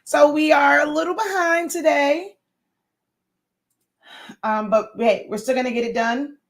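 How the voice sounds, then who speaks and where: Greeting viewers warmly as they arrive, a woman with a hoarse, high voice hosts a loose, casual livestream. She talks a little slowly, her worn, scratchy speech sprinkled with fillers and small laughs.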